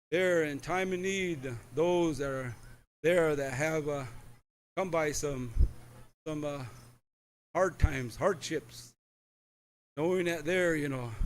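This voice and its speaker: Halting middle-aged man speaking over event noise. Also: a little high. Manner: halting, repetitive, with frequent "you know". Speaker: powwow speaker calling up honorees. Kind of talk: ceremonial thank-you speech. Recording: noisy live event with ambient sound.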